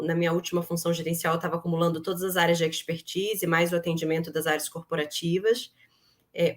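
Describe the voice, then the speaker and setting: A middle-aged Brazilian woman who grew up in Rio de Janeiro appears as an interview guest, a human resources executive, explaining things conversationally. She has a Brazilian accent and a lowish, slightly bright voice.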